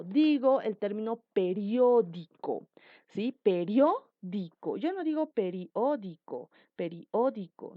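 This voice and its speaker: A woman teaches a grammar lesson, her voice moving up and down with lively emphasis. She explains slowly and repeats each example. The recording sounds dry, close and a little dull. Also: on the high side, no echo.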